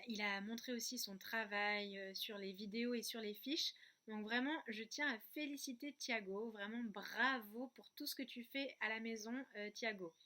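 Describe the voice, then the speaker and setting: A woman teaching a remote kindergarten lesson, speaking slowly and clearly and breaking words into syllables. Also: on the high side, bright, forceful tone. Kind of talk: remote lesson for young children. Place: outdoor terrace at night.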